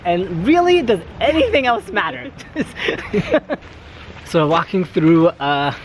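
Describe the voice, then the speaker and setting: A man's voice: high-pitched, very animated, takes it slowly, slight background noise. A man casually hosting a travel vlog outdoors, joking and laughing as he goes. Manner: jokey, laughing, playful. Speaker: travel vlogger.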